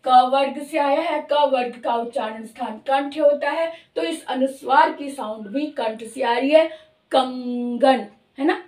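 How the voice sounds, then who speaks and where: A woman teaching Hindi grammar, explaining slowly and drawing out each sound she demonstrates. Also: sits high, a little mellow, reverberant, recorded from a distance. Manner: slow, careful, drawn-out demonstration of sounds. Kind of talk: explanatory lesson.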